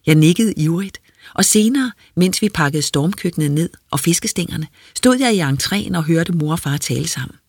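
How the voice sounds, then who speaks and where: Somewhat husky and pitched in the middle, this narrator's voice is recorded close and dry. The reading of first-person audiobook prose is quiet, measured, and introspective, yet expressive.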